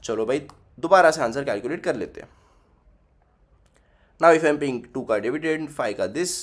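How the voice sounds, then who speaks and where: A young man teaches finance on a recording, mixing Hindi with English as he calculates aloud and says the figures again. He speaks at a normal speed in an expressive voice on the high side.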